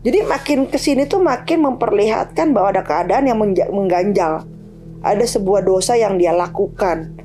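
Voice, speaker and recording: A woman's voice: mid-range voice, mellow, rough recording. A woman telling a true-horror story in a chatty, slangy way, full of fillers. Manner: chatty, slangy, uses many fillers like "gitu kan". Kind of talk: casual spoken horror storytelling.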